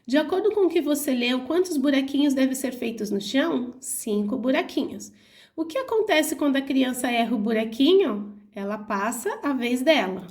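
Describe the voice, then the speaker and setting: A young adult woman teacher with a Brazilian Portuguese accent, slowly and clearly explaining workbook answers to her pupils. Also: high-pitched, animated, darkish tone. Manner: slow, clear, didactic, spelling out syllables. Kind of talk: reading and explaining a school workbook.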